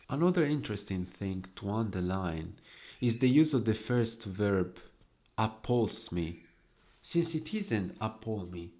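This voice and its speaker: A young man slowly explaining the devices in his own poem, lingering over each quoted verse word. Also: on the low side, vocal fry, a little mellow. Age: young adult.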